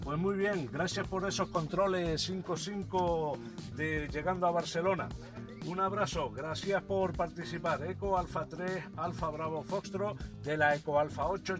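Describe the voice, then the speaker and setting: A man with a moderately high voice runs amateur radio contacts. He is courteous and formulaic, spelling call signs in phonetic words, with music clearly behind him. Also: steady tone, normal speed. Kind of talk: ham radio calls with phonetic call signs and signal reports.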